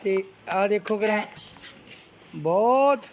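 A man's voice: sits high, expressive, slow, muffled recording, a crowd in the background. A man, casually coaxing his dog with short repeated commands in a home video. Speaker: dog owner showing his pet.

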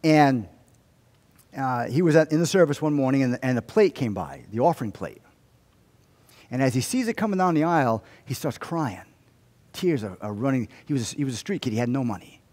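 Hushed-to-emphatic pastor in a reverberant sanctuary. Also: male voice, mid-range voice, expressive, brisk. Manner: storytelling, swings from hushed to emphatic. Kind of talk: sermon with prayer. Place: church sanctuary. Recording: long hall reverb.

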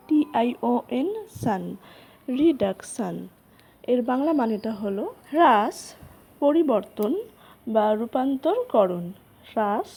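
A woman hosting a lesson, spelling English words letter by letter and repeating their meanings slowly. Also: sits high, dark tone. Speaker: English teacher, channel host.

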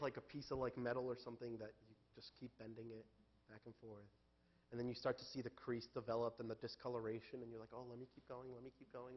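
A male pastor giving a sermon in a church, talking candidly and conversationally, then building to loud, emphatic peaks. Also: medium pitch, dull audio.

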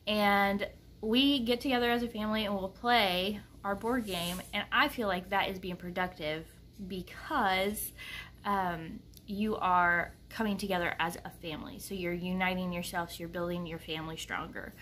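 A woman's voice: mid-range voice, fairly even intonation, moderate pace, a bit bright, slight background noise. A woman in her thirties chatting casually to the camera from her home kitchen, rambling with many fillers. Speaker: vlogger.

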